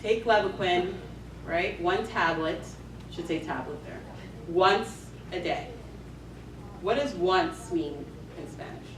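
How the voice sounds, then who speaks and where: A woman's voice: fairly low pitch, a little slow, a crowd in the background. A woman giving an emergency medicine grand rounds lecture, emphatic and checking in with "right?". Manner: emphatic, keeps asking "right?". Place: lecture hall. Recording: echoey hall, mic far off, noisy.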